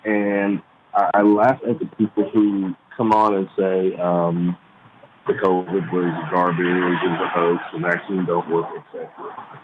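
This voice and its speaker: Man, 60s, radio caller, hollow tunnel-like sound on a tinny phone line, low voice, blunt and impassioned. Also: monotone, noisy background. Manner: blunt, impassioned, speaks in quick bursts. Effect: hollow, distant phone sound, as if calling from inside a tunnel. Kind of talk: phone-in call to talk radio.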